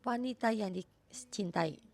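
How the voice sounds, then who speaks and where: A woman preaching a sermon in a halting way, repeating words for emphasis. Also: mid-range voice, a little mellow.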